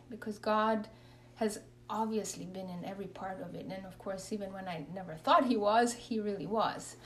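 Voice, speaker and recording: A religious sister from Kenya, medium-pitched, tells her faith story and prays aloud in an interview, earnest and reflective in manner. The recording catches her a bit far from the mic, with slight background noise.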